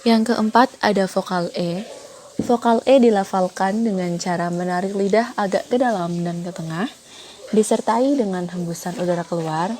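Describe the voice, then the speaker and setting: A woman reading out a phonetics explanation in a steady, methodical way, going through one item after another. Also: lowish voice, slight background noise. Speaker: student presenter.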